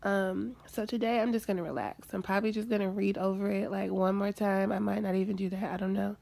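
Sassy chatty woman with gravelly voice. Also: medium pitch, level tone, brisk, dark tone. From United States. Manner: chatty, sassy, calls viewers honey. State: nasal congestion. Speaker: vlogger. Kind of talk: casual vlog chat. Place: at home.

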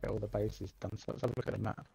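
A man's voice: lowish voice, level tone, racing, vocal fry, dark tone, a little hiss or hum, rough recording. A man playing a game with a friend who answers in short, laid-back replies. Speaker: co-player. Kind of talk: casual gaming chat. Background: game music.

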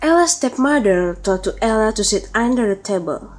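A woman's voice: on the high side, expressive, normal speed. A young woman narrating an amateur school drama in a careful, read-aloud way. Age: young adult.

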